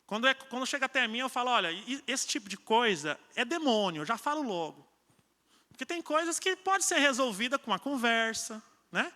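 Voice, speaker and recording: A man's voice: sits high, sharp tone. A man preaching a sermon in a conversational style, acting out arguments between spouses. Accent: Brazilian Portuguese. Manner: conversational preaching with acted-out quarrels. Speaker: pastor. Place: church hall. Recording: long church-hall reverb.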